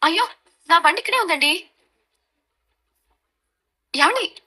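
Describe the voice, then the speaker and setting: An actress playing a proud young daughter-in-law who answers back quickly and defiantly in a TV serial. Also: female voice, very high voice, animated, pushed and bright, full character voice. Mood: pleading. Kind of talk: TV serial acting.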